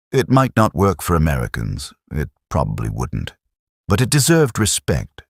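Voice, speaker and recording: Very deep husky male storyteller. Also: no echo, studio quality. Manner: steady storytelling. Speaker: narrator. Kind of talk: scripted story narration.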